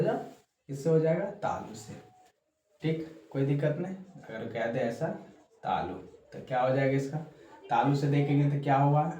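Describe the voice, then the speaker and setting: A man with a Bihari Hindi accent talks through an exam-prep lesson at a very unhurried pace, going over each point again and again. His voice rings in a roomy, echoey space, with a faint hiss of noise behind it. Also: medium pitch, a little mellow. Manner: slow, repetitive, frequent "ठीक" check-ins. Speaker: teacher.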